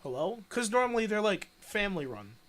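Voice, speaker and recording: Bright-voiced young man telling an animated story. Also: on the high side, normal speed. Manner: animated, laughing, acts out quoted voices. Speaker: podcast host. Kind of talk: casual storytelling while playing a video game.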